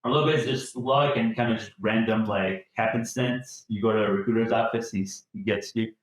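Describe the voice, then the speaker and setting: A man in his thirties who grew up in France, chatting as a podcast guest in a relaxed, rambling way. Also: fairly low pitch, fairly quick. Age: 30s. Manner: relaxed, rambling with many restarts. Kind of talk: casual interview chat. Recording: very echoey room.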